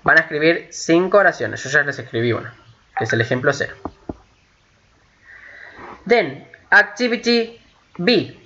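A man teaching an English grammar lesson, patiently repeating points, checking understanding with frequent "ok?", and saying the English examples slowly and carefully. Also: on the high side, animated, bright, forceful tone. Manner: switches between Spanish and slow, carefully spoken English. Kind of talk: recorded online lesson explaining grammar. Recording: dull lo-fi home recording with faint hiss.

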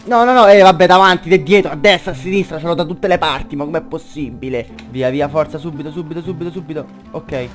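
Young guy streaming a shooter, high voice, cusses and yells a lot, faint game music behind. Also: quick pace, few pauses. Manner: swears a lot, shouts in bursts. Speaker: gaming YouTuber. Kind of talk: excitable gameplay commentary.

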